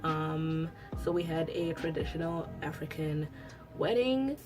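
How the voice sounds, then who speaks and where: Fresh out of the shower at home, a young Italian-native beauty vlogger talks casually to the camera, rambling and restarting often. Her low voice is expressive and measured in pace, with music playing underneath.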